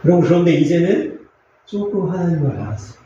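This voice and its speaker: A man pastor preaching a sermon in a church, earnest and confessional, with pauses and fillers. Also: fairly high pitch, expressive, warm tone, very echoey, muffled recording, a little hiss or hum. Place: church sanctuary.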